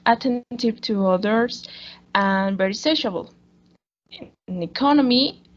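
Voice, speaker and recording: A woman reads a school presentation slowly and carefully, stopping to restart words. Her voice sits a little high with a gravelly edge. The recording is dull and lo-fi. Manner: slow, careful reading with small restarts. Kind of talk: read-aloud school presentation.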